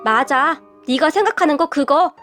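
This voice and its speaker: A gleeful older father-in-law who speaks with a grave air, as a woman narrator puts him on in a storybook tale. The voice stays high, over faint music. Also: normal speed, fairly bright tone.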